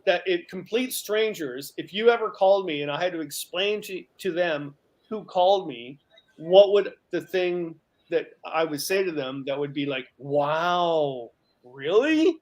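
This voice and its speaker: A middle-aged man from Canada, a guest on a video call, telling stories in an animated, joking way. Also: high-pitched, normal speed. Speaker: guest, outdoor writer and teacher. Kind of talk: casual video-call chat.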